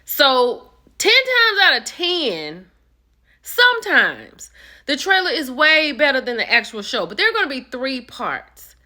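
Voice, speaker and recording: Chatty bright-voiced woman. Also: a little slow. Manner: chatty and animated, with sudden high excited jumps. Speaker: reality TV commentary host. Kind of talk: casual chat.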